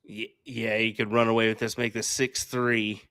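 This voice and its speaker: A man's voice: on the low side, little pitch movement, normal speed, vocal fry, pushed and bright, clear, resonant tone, no room sound, studio quality. A man calling a darts match live, upbeat and playful. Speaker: darts commentator. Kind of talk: live sports commentary.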